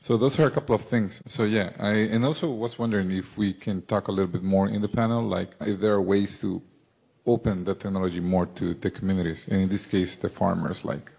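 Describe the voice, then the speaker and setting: Audience man, raspy with vocal fry, earnest comment, muffled recording. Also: low-pitched, fairly even intonation, a little fast. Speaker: audience member. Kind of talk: comment from the floor.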